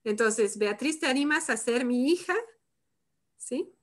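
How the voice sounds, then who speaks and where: Facilitadora serena de voz algo aguda. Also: female voice, a little high, measured pace. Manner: calm, reflective, tags phrases with "¿no?". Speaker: workshop facilitator. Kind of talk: live online workshop demonstration.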